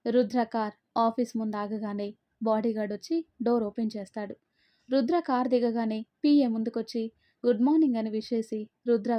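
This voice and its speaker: A woman narrating a romance story, voicing the lovers' banter herself in a lively way. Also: fairly high pitch, no room sound. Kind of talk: dramatic story reading. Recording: dull, muffled dry recording.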